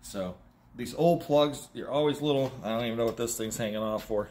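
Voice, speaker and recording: Recorded on a handheld phone camera a step or two away, the noisy audio with handling clicks features a middle-aged auctioneer and host. He talks a little fast in a medium-pitched, somewhat dark voice, giving casual, playful commentary as he handles items, thinking aloud and prone to exclaiming. The setting is a large, cluttered indoor workshop or warehouse.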